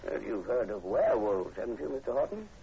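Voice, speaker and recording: In a 1940s-style radio horror piece, an actor plays an earnest, courteous university professor investigating werewolves, measured and polite with hesitant pauses. His male voice is medium-pitched, warm, and very animated. The old broadcast recording sounds dull and noisy.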